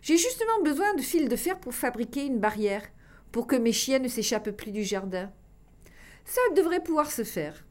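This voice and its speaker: A woman's voice: on the high side, very animated, normal speed, a little mellow, voice pushed up. A woman voicing a jovial male cove keeper who talks in a hearty, teasing way.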